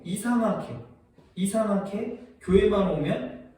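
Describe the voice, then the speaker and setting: A man with a fairly high voice delivers a sermon and keeps putting questions to his listeners. He sounds far from the mic, and the room gives his voice a heavy echo. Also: slow, mellow. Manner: asks the congregation rhetorical questions. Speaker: preacher.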